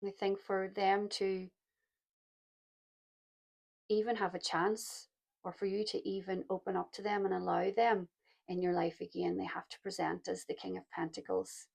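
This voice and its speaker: A woman with a croaky voice giving a pick-a-card tarot reading, speaking softly and reflectively and calling her listeners "my loves". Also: mid-range voice, little pitch movement, moderate pace. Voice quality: gravelly. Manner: soft-spoken, reflective, addresses listeners as "my loves". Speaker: tarot reader.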